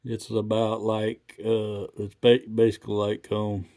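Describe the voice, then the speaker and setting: A man talking casually and haltingly as a radio hobbyist, in a laid-back, folksy, rambling way. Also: on the low side, completely flat delivery, dark tone. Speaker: radio hobbyist video maker.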